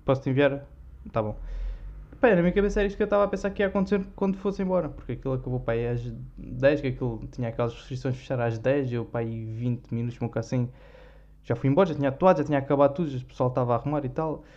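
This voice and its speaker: A young man with a European Portuguese accent tells a story in casual podcast chat, rambling and self-mocking, stopping often for fillers. His voice is mellow and soft-edged. The recording sounds dull and lo-fi. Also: medium pitch, racing. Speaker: podcast host.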